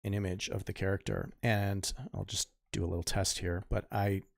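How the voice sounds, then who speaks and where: Casting: man in his 50s, deep gravelly voice, dry close sound, rambling artist talking through his drawing. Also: level tone, moderate pace, no room sound. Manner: rambling, self-correcting, mutters to himself. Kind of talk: casual tutorial chat while drawing.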